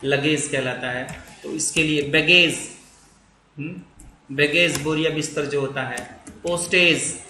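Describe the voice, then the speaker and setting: A man with a bright, slightly raised voice gives a grammar lesson at a very slow pace. He drags out each word of his example sentences as if dictating them. The room around him is echoey. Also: a little high, steady tone. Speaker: English teacher.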